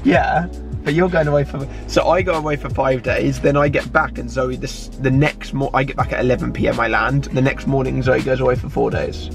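A man's voice: mid-range voice, steady tone, a little fast, vocal fry, music in the background. A man in his twenties with a southern English accent, chatting casually and informally as a vlogger. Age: 20s. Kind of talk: casual vlog chat. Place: in a parked car, on city streets and in shops. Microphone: handheld vlog camera at arm's length.

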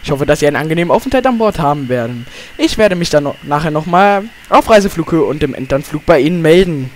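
A man's voice: on the high side, lively intonation, fast, a little hiss or hum. Man making a cabin announcement as pilot. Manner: stumbles over flight numbers and restarts. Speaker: airline pilot. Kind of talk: formal scripted announcement.

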